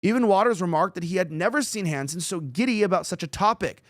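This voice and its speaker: A male host of a news commentary show talks fast and rambles, tossing in sarcastic asides. His voice sits fairly high. The recording is dry and close. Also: expressive, dry recording.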